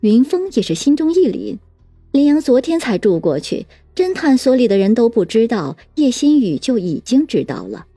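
A woman's voice: on the high side, big pitch swings, moderate pace, dark tone, husky, dry recording. A woman narrating a serialized detective novel, moving between plain narration and teasing character voices. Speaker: audiobook narrator.

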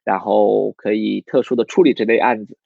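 A man's voice: on the low side, fairly even intonation, moderate pace, vocal fry, dry recording, phone-quality sound. A man giving a casual livestream lesson on recruiting sales, talking loosely with plenty of fillers and restarts and putting questions to his audience. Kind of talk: livestream teaching talk.

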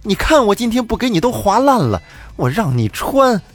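A male storyteller puts on a vicious young wife in a folk tale, her voice pushed high and shrill. She scolds in a husky, swooping screech. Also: very animated, moderate pace. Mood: scolding.

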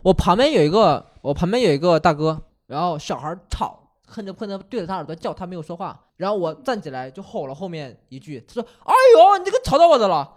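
A man telling a comic story in casual chat on a comedy podcast, animated and full of quick restarts. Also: fairly high pitch.

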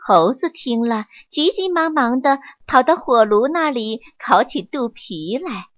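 A woman narrating a children's story in a slow, expressive, sing-song way. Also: high-pitched, no echo. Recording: dull lo-fi, dry.

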